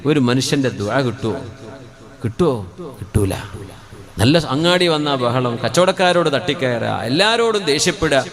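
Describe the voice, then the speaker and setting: A crowd can be heard as a man preaches a Malayalam sermon on a microphone, his mid-range voice expressive and at normal speed. He questions his listeners conversationally and sings out short Arabic phrases melodically.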